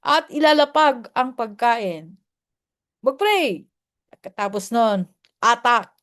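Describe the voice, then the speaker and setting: A woman pastor speaks to her congregation in a relaxed, chatty way, often breaking into laughter. Her voice sits a little high, and she takes her time as she tells her stories. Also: slow pace. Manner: mixes in English phrases. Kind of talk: casual sermon storytelling.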